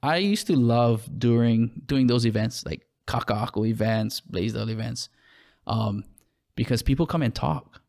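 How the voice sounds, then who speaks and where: A man's voice: mid-range voice, gravelly, darkish tone. A man from Hawaii with a Hawaiian accent, chatting casually on a podcast, full of restarts and fillers. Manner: halting, many restarts and fillers. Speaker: podcast co-host, clothing brand owner.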